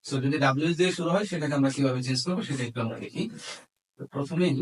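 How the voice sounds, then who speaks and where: Rattling off his words rapidly, a man with a slightly high voice and a Bangladeshi accent teaches grammar. He proceeds step by step, dictating short segments while shifting between Bengali and English terms.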